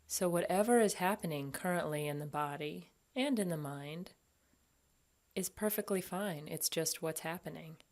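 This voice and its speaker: A woman with a fairly low voice guides listeners through a body scan meditation. As the instructor, she speaks gently and without hurry, leaving long pauses between phrases.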